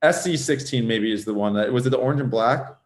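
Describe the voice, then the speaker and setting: A man's voice: mid-range voice, quick pace. A man in his thirties from Southern California, a guest on a casual podcast interview, rambling and filling his speech with "like". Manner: rambling, fills speech with "like", restarts often. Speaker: guest, former pro hockey player.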